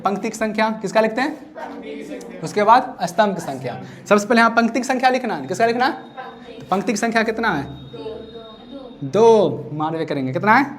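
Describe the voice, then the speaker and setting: A man teaching a maths class, repeating his questions so students answer back. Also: high-pitched. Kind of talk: classroom lecture.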